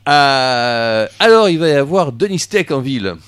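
A man's voice: mid-range voice, big pitch swings, measured pace, a bit bright, clean tone, no room sound. A man from hosting a rock radio show, talking casually with many hesitations and restarts. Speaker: radio host.

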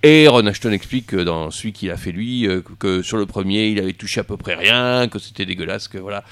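A man's voice: lowish voice, a little fast, fairly bright tone, clean tone, dry recording. A man from hosting a rock radio show, talking casually with many hesitations and restarts. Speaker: radio host.

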